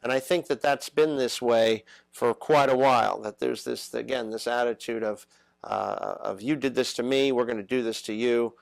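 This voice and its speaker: A man hosting a political talk show, his voice sitting in an ordinary middle register. He talks haltingly and fills gaps with "uh". The recording is dry and close, with no room sound. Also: mid-range voice, gravelly, dry recording, rough recording. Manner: halting, many "uh" fillers.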